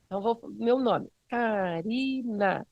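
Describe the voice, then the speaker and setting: A woman's voice: mid-range voice, expressive, moderate pace, no echo, dull audio. A woman with a Brazilian Portuguese accent, a music educator giving a casual, encouraging teaching talk with many fillers.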